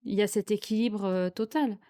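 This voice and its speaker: A woman's voice: medium pitch, steady tone, moderate pace, mellow. A French-speaking woman giving a spiritual tarot reading, hesitant and searching for words with many fillers. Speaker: tarot card reader.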